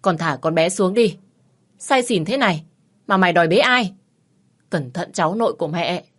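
A woman's voice: sits low, brisk. A woman voicing an anxious middle-aged mother-in-law with a fretful, scolding manner.

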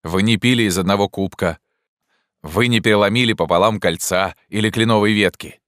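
A man voicing a proud, loyal rebel leader who speaks forcefully and with indignation, in an audiobook reading. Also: lowish voice, a little fast, no room sound, clean studio sound, pitched above the performer's own voice, lightly acted. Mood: insistent.

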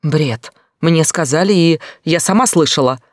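A man voicing a distraught young woman, desperate and demanding, pleading and rising to shouts. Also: on the high side, measured pace, dry recording, clean studio sound. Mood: tense.

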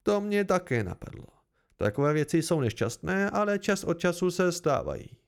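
Man doing a stern, measured noble ruler. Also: high voice, vocal fry, heavily acted. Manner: calm, deliberate, stern. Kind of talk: amateur audiobook reading.

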